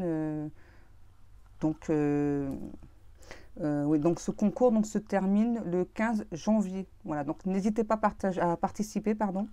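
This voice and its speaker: A woman doing a tarot reading to camera, talking casually and gently, with many fillers and restarts. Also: lowish voice, no echo. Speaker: tarot reader.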